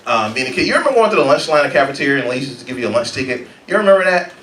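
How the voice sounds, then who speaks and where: A man from Florida doing a stand-up comedy set on a club stage, animated and jumping into loud high-pitched bits. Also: racing, a little hiss or hum. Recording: roomy club sound, mic some distance off, loud crowd laughter.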